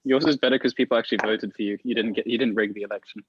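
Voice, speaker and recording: Husky young man, joking on a call. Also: fairly low pitch, fairly even intonation, very fast, no room sound, lo-fi sound. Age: young adult. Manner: stammering restarts, boastful joking. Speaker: friend on a group call. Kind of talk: casual banter.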